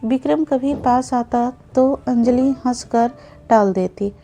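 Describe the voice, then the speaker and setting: A woman narrating a written story in a calm, even storytelling manner as the channel's host. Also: on the high side, slow, a little hiss or hum. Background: faint background music.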